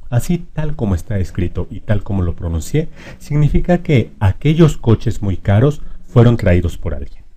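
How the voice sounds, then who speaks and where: A man teaching a grammar lesson, explaining rules clearly and reading his example sentences out slowly. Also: lowish voice, very animated, mellow, slight background noise.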